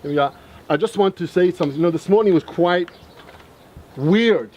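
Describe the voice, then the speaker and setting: A man's voice: sits high, normal speed, darkish tone, poor audio. A man leading a bar mitzvah ceremony, speaking chattily and checking in with the crowd. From Scotland. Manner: chatty, keeps checking in with "right?" and "okay?". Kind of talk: ceremony speech.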